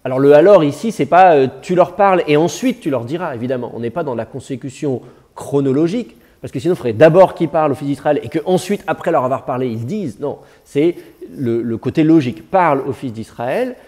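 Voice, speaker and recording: A man's voice: a little high, lively intonation, a little fast, warm tone. A man teaching a classroom lesson, explaining patiently with frequent fillers and restarts.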